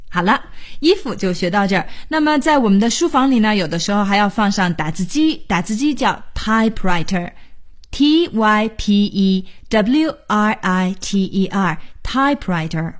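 A woman teaching an English lesson on the radio, explaining words and spelling them out slowly letter by letter. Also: mid-range voice. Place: radio studio.

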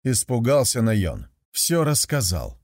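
A man narrating a folk tale in a measured storytelling manner. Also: mid-range voice, wildly swooping pitch, a little mellow, dry recording, studio quality.

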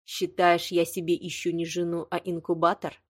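A blunt, quick-tempered young man, a lawyer who argues hard and sharply, as a woman reads him in an audiobook. The voice sits a little low and sounds close and dry, with no room around it. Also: completely flat delivery, dry recording, lightly acted. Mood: heated. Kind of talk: audiobook dialogue reading.

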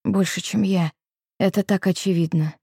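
A woman's voice: mid-range voice, fairly even intonation, moderate pace, gravelly, slightly rough, dry recording, studio quality. A woman reading an audiobook, voicing a young woman pleading tearfully with her lover. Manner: soft, pleading, emotional.

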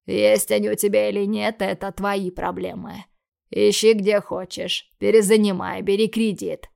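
A woman voicing a crude, menacing male debt collector who speaks slowly and in a low, taunting way, in a storybook reading. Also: little pitch movement, creaky, darkish tone. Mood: menacing sneer.

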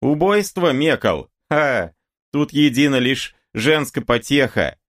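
A man's voice: fairly high pitch, expressive, a little slow, voice pushed up. A man doing a cocky taunting young nobleman. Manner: swaggering, taunting. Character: cocky young nobleman swordsman, mocking and boastful.

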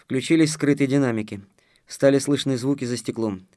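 A male audiobook narrator with a measured, expressive delivery at a middle pitch. The recording is dry and close, with no room around the voice. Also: no room sound. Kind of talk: scripted narration.

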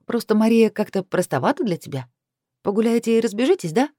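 A woman voicing a feisty, sharp-tongued young heroine who speaks sarcastically. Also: fairly high pitch, lively intonation, fast talker, no room sound, studio quality, voice pushed up. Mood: playful. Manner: sarcastic, emphatic.

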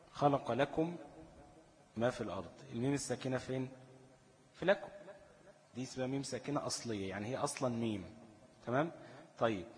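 A man with an Egyptian accent teaching Quran recitation rules, quizzing the listener and answering himself, chanting verse examples slowly. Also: medium pitch, darkish tone, in a large hall. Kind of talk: tajweed lesson in colloquial Egyptian Arabic.

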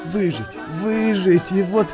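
In a wartime audio drama, an actor plays a shell-shocked, brooding young British sailor, delivering a halting, emotional monologue. His male voice sits high and sounds anguished, with music playing under it.

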